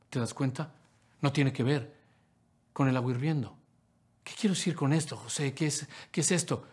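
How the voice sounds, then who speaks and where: A male pastor preaching a sermon. He speaks straight to the listener with questions and swings from loud, lively lines to hushed ones. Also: a little high, breathy edge. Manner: dramatic, acts out quotes in swings from loud to hushed; addresses listener directly with questions.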